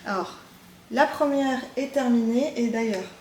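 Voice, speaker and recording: Chatty higher-voiced woman in a roomy room. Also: measured pace, a little mellow, a little hiss or hum. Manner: chatty, hesitant with frequent fillers. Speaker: knitting vlogger. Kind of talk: casual show-and-tell chat.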